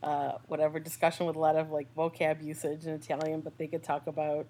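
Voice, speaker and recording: A woman's voice: low-pitched, completely flat delivery, fast, dark tone. A young American woman co-hosting a podcast, chatting casually and rambling with lots of fillers. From United States. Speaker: podcast co-host. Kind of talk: casual chat.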